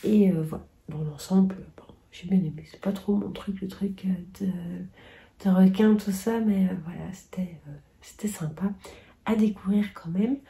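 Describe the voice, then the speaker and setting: A woman's voice: medium pitch, moderate pace, creaky, mellow. A middle-aged woman chatting casually to camera about her favourites, hesitant and full of fillers, often trailing off into near-whispers. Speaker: booktuber sharing yearly favourites.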